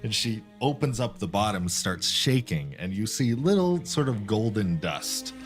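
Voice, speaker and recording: A man narrating a tabletop game as game master, rambling and halting with many fillers. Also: lowish voice, big pitch swings, faint music behind.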